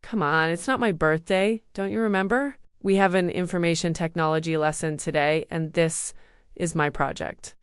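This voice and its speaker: An eager, upbeat schoolboy from a storybook, voiced by a woman reading aloud. He is proud of the robot he built. The voice is clear, dry and a little low. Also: steady tone, normal speed, no echo, lightly acted.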